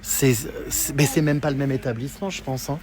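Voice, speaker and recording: A man vlogging on his travels, chatty and teasing, excitable, filming on a handheld camera. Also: medium pitch, a little fast, crowd noise. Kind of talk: travel vlog narration.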